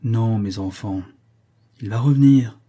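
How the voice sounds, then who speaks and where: A man reading the part of a soft-spoken middle-aged father who speaks slowly and never raises his voice. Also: mid-range voice, slightly rough, close to an everyday voice. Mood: calm. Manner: slow, detached words, never raises voice.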